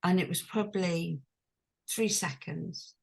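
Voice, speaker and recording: A woman from London, a transformational coach telling a personal story in a slow, hushed, intimate way. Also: lowish voice, creaky, husky. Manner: slow, hushed and intimate, dwelling on each phrase.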